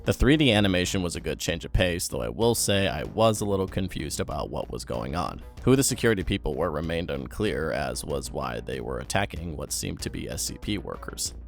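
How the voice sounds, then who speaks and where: A man's voice: very deep voice, sing-song, brisk, gravelly, few pauses, soft background music. A young man giving wry, sarcastic commentary on horror videos.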